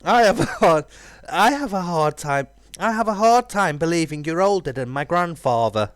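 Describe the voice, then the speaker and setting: A man voicing a spirited young woman in a game, speaking slowly and with a teasing, stagey lilt. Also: fairly high pitch, lively intonation, smooth, no room sound, voice pushed up, natural voice. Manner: slow, stagey, teasing delivery.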